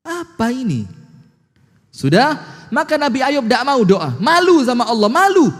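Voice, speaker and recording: A man preaching a sermon, telling a story rhetorical questions to the audience and slowly chanting verses. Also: extremely high pitch, very animated, in a large hall.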